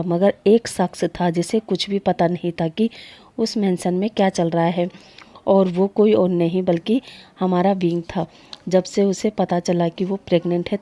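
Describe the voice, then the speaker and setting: A woman hosting a storytelling channel, retelling a fan story in a steady, conversational narration. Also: on the low side.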